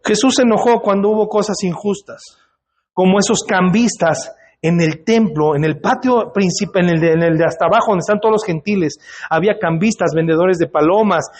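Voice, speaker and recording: A man's voice: sits high, moderate pace. A male pastor, preaching in a church and putting questions to the congregation in a conversational way. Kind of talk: sermon. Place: church hall.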